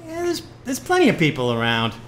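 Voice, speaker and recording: A woman voices a weary, sardonic old jazzman in a live noir audio play staged in a club, his retired, bitter wisecracks delivered in hep-cat slang, with stammers when he's rattled. She sits low, speaks fairly quickly with huge pitch swings, and there's slight background noise.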